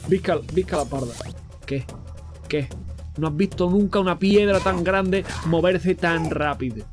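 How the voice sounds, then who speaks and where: A young man doing excitable, profane commentary on a video game he plays, breaking into sudden shouts. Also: high voice, a little slow, faint music behind. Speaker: let's play host. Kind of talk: gaming commentary.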